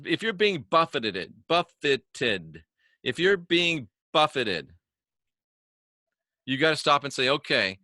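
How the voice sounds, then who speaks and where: A folksy man hosts a casual religious talk from his home studio, joking with viewers and repeating words for emphasis. His voice is bright and forceful, and the room sounds dry and close. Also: fairly high pitch, no echo. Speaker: online religious talk host. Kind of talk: casual spoken monologue to viewers. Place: home studio he calls the bunker.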